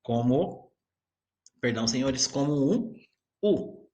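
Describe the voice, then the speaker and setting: A man's voice: medium pitch, lively intonation, slow pace, dark tone. A man teaching a recorded grammar lesson, explaining patiently and checking in with his students again and again. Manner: keeps checking in with the class.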